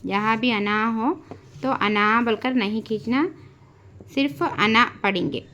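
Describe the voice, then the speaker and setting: Slow, spelling-out Urdu-accented female teacher. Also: fairly high pitch, a bit bright. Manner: spells letters and vowel marks aloud, drawn out. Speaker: Quran reading teacher. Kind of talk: slow spelled-out recitation lesson. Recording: dull lo-fi home recording, faint hiss.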